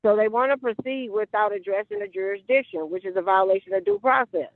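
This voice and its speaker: A woman's voice: mid-range voice, fast talker, no room sound. A woman speaking in court as a defendant on a phone-line hearing recording, insistent and repeating her objections and questions. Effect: courtroom hearing recording over a phone-like line. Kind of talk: argumentative courtroom exchange.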